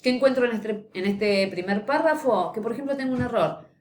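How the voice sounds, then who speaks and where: A woman's voice: on the high side, a little fast, a little mellow. A woman giving a recorded lecture, explaining step by step and often checking in with a questioning "¿sí?". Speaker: teacher. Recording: echoey room, faint noise.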